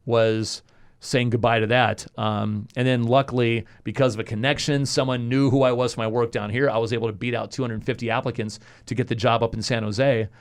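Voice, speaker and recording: Man, podcast guest, animated storyteller, does the voices of the people in his story. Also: mid-range voice, brisk, clean tone. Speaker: podcast guest, former radio host. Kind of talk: casual storytelling.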